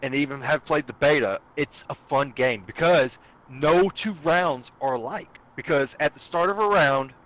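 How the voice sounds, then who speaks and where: A man's voice: fairly high pitch, moderate pace, a bit bright, poor audio. A man guesting on a casual podcast, talking eagerly and explaining things at length. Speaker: guest streamer.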